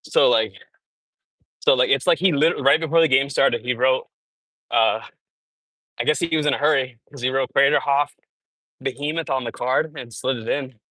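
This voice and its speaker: A man's voice: mid-range voice, moderate pace, pauses often, no echo, poor audio. A man chatting casually on a live stream while walking on a treadmill, telling stories full of "bro" and "dude". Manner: animated storytelling, peppered with "bro" and "dude". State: sweating from exercise.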